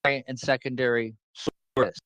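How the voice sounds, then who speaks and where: A man's voice: medium pitch, little pitch movement, takes it slowly, fairly bright tone, low-quality recording. A man teaching a class over a video call, explaining in a casual, joking way and repeating his points to keep them simple. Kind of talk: casual online class lecture.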